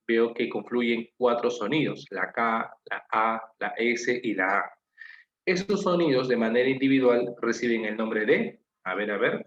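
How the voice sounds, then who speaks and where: A man's voice: medium pitch, fairly bright tone, echoey room, lo-fi sound. Peruvian man teaching a class online. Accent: Peruvian Spanish. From Peru. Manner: asks students questions, patient and explanatory.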